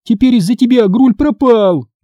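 Guy doing a panicky bossy little girl, way high and squeaky, husky underneath. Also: very animated, a little slow, no room sound, studio quality, full character voice. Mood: alarmed. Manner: shrill, agitated shouting. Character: frightened bossy young girl, quick to panic.

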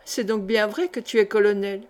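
A woman's voice: medium pitch, steady tone, moderate pace, a little mellow, natural voice. A woman reading the lines of a jovial, teasing older male colonel in an audiobook, in a bantering, mocking tone.

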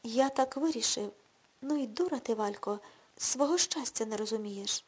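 A drunken, boastful has-been of a man, middle-aged and sure of his own charm, read by a woman. He pushes and coaxes in a high, husky voice. An audiobook reading. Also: moderate pace. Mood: pushy. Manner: pushy and self-assured, coaxing.

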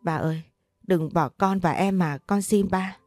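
A woman's voice: lowish voice, measured pace, darkish tone, no room sound, soft background music, natural voice. A woman voicing a frightened thirteen-year-old girl who pleads through sobs. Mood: panicked. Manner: sobbing pleas.

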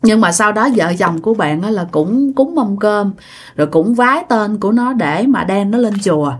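A woman's voice: medium pitch, expressive, moderate pace. A woman telling a ghost story, talking straight to her listeners. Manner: chatty, addresses listeners directly. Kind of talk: casual ghost-story narration.

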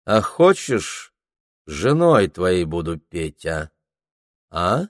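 A man's voice: low-pitched, sing-song, extremely slow, no echo, clean studio sound, heavily acted. A man putting on a sly sing-song village woman. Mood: teasing.

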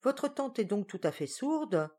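A woman reading aloud voices a gallant young man in love, earnest and flattering. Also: medium pitch, unhurried, voice pushed up. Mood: ardent. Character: ardent young male painter, gallant.

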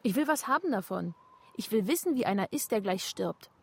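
A woman's voice: mid-range voice, lively intonation, fairly quick, breathy edge. An actress playing a blunt, provoking young woman in a radio drama. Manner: blunt and mocking.

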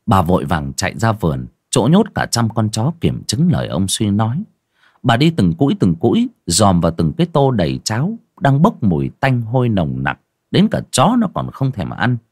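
Male horror narrator, husky and dry-sounding, wide expressive pitch. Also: moderate pace, no echo. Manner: dramatic, suspenseful storytelling. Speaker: audiobook narrator.

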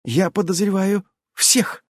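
A man doing a prickly, doubting young woman from a storybook, clipped and skeptical, her voice raised and lively, recorded close and dry. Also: high voice, slow pace, no room sound, pitched above the performer's own voice, heavily acted. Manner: curt, skeptical. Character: suspicious sharp-tongued young woman, bristling.

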